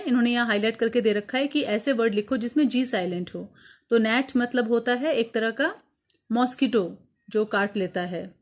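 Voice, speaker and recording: A woman from India with an Indian English accent, teaching an English textbook lesson and explaining it in Hindi. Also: fairly high pitch. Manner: reads English lines slowly, then explains in Hindi.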